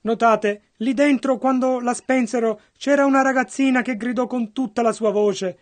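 A man interpreting a sermon with earnest, close phrasing. His voice is strikingly high for a man, and he speaks in short stretches between the preacher's lines. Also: fairly even intonation, moderate pace.

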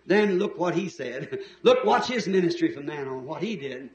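A man's voice: fairly high pitch, animated, unhurried, echoey room. A man preaching a sermon with emphasis, telling the story in a folksy way.

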